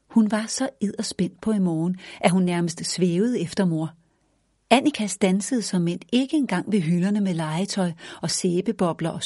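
A woman narrating a children's storybook in a gentle, even read-aloud manner. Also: on the low side, no room sound, clean studio sound.

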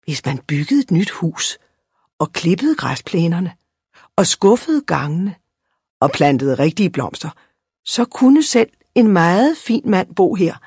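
Husky, expressive storybook narrator. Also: mid-range voice, no room sound, studio quality. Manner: expressive, lively reading. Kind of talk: storybook reading.

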